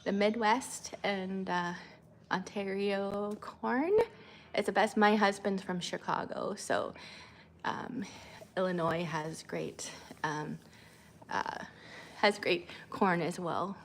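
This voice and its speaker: Chatty mom on a livestream. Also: female voice, a little hiss or hum. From Canada. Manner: rambling with many fillers, high sing-song when coaxing her child. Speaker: vlogger and mother. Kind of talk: casual livestream chat.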